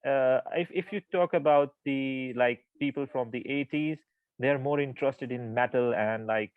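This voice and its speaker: A man from Pakistan talks as an interview guest, relaxed and loose, leaning on "like" and restarting his sentences. His voice comes through a narrow, phone-like call line. The sound is dry, with no room echo. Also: medium pitch, normal speed, clear, resonant tone. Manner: easygoing, many "like" fillers and restarts. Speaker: guest singer-songwriter. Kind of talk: casual interview chat. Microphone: remote video call. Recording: tinny phone-like call audio.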